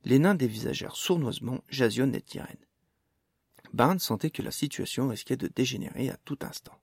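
A man narrating a fantasy audiobook with a steady, expressive reading. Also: medium pitch, moderate pace, vocal fry, slightly rough, dry recording, clean studio sound.

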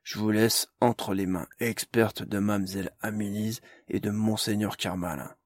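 A man voicing a big, foul-mouthed male ogre who talks gruffly, with slang and sarcasm. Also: fairly low pitch, level tone, measured pace, no room sound, clean studio sound. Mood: sardonic.

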